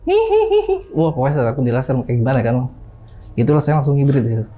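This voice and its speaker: A man's voice: medium pitch, fairly even intonation, racing, dark tone. A young man casually telling a personal ghost story in a chatty way, often calling his listener "Bang" and imitating the sounds he heard.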